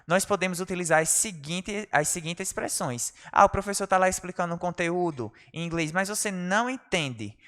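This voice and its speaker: A Brazilian man teaching an online school English lesson, explaining in Portuguese and saying each English phrase slowly and clearly for pupils to repeat. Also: fairly high pitch, sharp tone, big-room sound.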